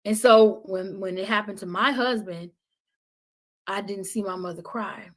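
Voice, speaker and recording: A woman's voice: mid-range voice, fairly even intonation, unhurried. Impassioned woman with a preaching cadence. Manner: emphatic, preaching cadence, repeats phrases for weight. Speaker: podcast guest. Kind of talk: impassioned conversational testimony.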